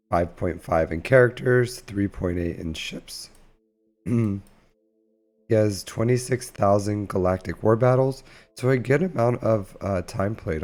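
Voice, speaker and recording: Slightly low-voiced man sounding under the weather. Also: a little mellow. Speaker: host of a gaming channel. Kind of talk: casual gameplay commentary. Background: music.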